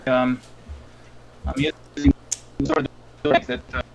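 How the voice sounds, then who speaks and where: A man speaking haltingly on a video call, his corrupted, glitchy audio chopping and dropping out. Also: mid-range voice, level tone, vocal fry, dull audio, a loud crowd. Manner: halting, hesitant. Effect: glitchy audio that keeps cutting out. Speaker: official joining a meeting remotely.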